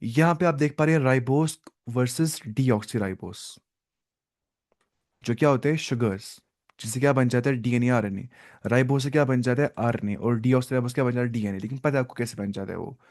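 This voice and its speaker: A man teaching biology in an online lecture, mixing Hindi and English, slowly explaining and asking questions he answers himself. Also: mid-range voice, darkish tone. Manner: asks the class questions and answers them himself, repeats "ठीक है"; slow, stop-start explaining with fillers.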